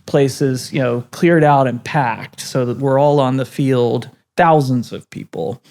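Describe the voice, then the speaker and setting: Male podcast host, mid-range voice; reflective and halting. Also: medium pitch, fairly even intonation, a little mellow. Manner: reflective, halting, many fillers. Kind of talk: casual interview talk.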